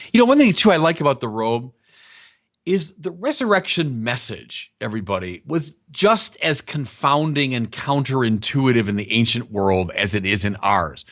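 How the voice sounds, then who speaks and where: A man preaching a sermon in a conversational, emphatic way, repeating his key points. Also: mid-range voice.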